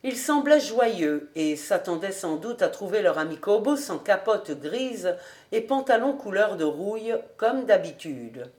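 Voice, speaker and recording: Slow, measured French woman reading aloud. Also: mid-range voice, very animated, darkish tone. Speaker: audiobook reader. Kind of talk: audiobook narration of a classic novel.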